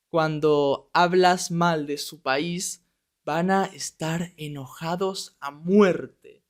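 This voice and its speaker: Young argentine guy teaching spanish, neutral accent, talks real slow and clear, keeps saying ok. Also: a little high. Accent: neutral Latin American Spanish. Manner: speaks slowly and deliberately, checks in with "¿ok?". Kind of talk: podcast lesson, slow clear speech for learners.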